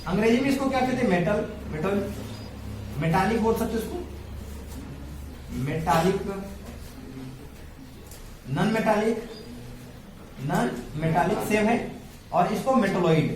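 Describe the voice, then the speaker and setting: A high-pitched man teaches a science class, drilling his students with repeated questions and fondly calling them "babu." His voice rings through an echoey classroom, picked up from a distance with steady background noise. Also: unhurried, long pauses. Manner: calls students "babu" affectionately. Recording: echoey room, voice far from mic, background noise.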